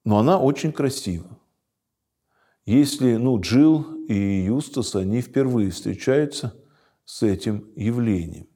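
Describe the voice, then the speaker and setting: Man, religious teacher, reflective commentary, mellow dark tone, hesitant pauses. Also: mid-range voice, animated, husky. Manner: thoughtful, pauses with hesitation sounds. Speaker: religious teacher reading a book aloud. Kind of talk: reading with spiritual commentary.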